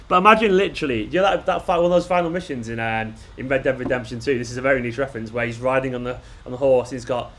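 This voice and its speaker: A man hosting a late-night live stream, chatting excitably and bantering with viewers while reading their comments out, sounding tired. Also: mid-range voice, quick pace.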